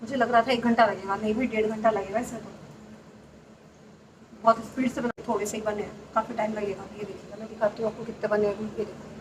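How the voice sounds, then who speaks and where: A soft-spoken woman in her thirties chatting casually and confidingly to her viewers in a home vlog. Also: medium pitch, fairly even intonation, quick pace. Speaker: vlogger. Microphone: clip-on mic, often away from it. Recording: roomy, distant, noisy home recording. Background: machine running on the gas stove.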